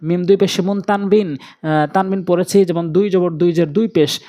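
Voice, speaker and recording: Slow, repetitive male recitation teacher. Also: sits high, fairly even intonation, warm tone. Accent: Bangladeshi Bengali. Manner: slow and repetitive, drawing out syllables in drills. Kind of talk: step-by-step recitation lesson.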